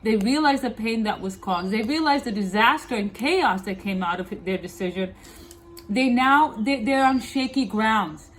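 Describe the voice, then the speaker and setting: A woman's voice: a little high, normal speed, poor audio. A woman with a slight lisp from wearing dental aligners, giving a tarot reading to viewers in an emphatic, repetitive way, often checking in with her listeners. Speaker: tarot reader, host.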